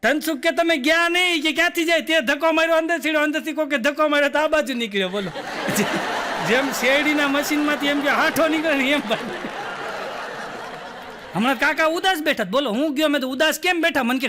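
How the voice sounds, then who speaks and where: A man's voice: very high-pitched, a little fast, background noise. A man with a Gujarati accent telling stand-up jokes, acting out the characters in his stories and laughing through the punchlines. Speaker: stand-up comedian.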